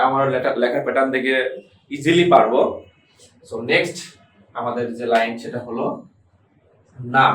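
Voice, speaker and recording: A man teaching a hiragana lesson at a board, patiently repeating each letter slowly as he writes. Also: medium pitch, a bit bright, distant mic. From Bangladesh. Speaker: Japanese language teacher. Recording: echoey room, voice from off the mic.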